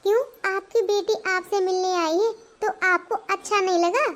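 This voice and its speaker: A woman voicing a headstrong young bride in a cartoon, talking back sharply in a very high voice. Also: fairly even intonation, normal speed, a bit bright. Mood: defiant. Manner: defiant, talks back sharply. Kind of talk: Hindi cartoon voice acting.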